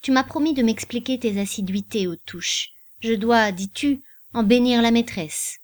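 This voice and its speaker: A woman reading the part of a gentle, worried noble mother in an audiobook. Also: fairly high pitch, moderate pace, lightly acted.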